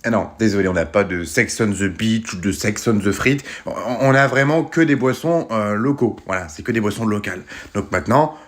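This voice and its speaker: A man's voice: lowish voice, lively intonation, moderate pace, few pauses, lightly acted. A man playing a rude country restaurant waiter who mocks his guests in a comedy sketch. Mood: mocking. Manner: mocking, insulting.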